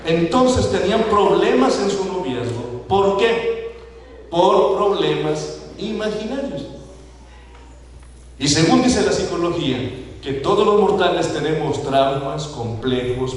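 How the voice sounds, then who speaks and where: A man's voice: fairly high pitch, animated, measured pace, slight background noise. A man with a Mexican Spanish accent preaching a sermon to his congregation, asking them questions and acting out the people he quotes. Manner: asks the congregation questions, acts out quoted voices. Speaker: pastor. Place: church sanctuary. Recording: echoey church hall, voice from far off.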